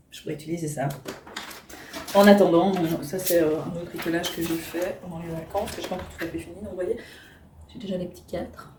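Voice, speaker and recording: A woman's voice: medium pitch, dark tone, a little hiss or hum. A middle-aged woman chatting casually to camera as a book vlogger, hesitant and self-mocking, at home. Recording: roomy and a bit distant.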